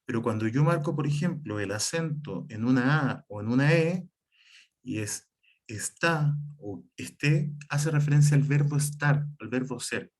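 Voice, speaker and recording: A man teaching an online writing class, explaining patiently and often pausing for examples. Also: mid-range voice, expressive, a little mellow. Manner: explanatory, repeats "por ejemplo" and "en este caso", some restarts.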